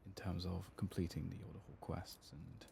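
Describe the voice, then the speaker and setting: A gaming ASMR streamer offers hushed, unhurried commentary over a game in a low voice with gravelly fry and little pitch movement. He often drops to a whisper, and faint noise and clicks sit in the background.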